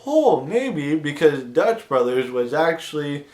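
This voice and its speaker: Vlogger, male, from Oregon, chatty and unhurried, echoey room. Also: fairly high pitch, very animated, a little mellow. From Oregon, USA. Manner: chatty, repetitive, drawn-out explanations. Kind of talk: casual vlog monologue.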